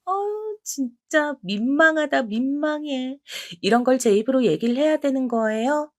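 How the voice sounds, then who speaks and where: A woman's voice: sits high, animated, a little slow. A woman voicing a snide, condescending younger sister-in-law in an audio drama, talking down with mocking sarcasm. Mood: exasperated.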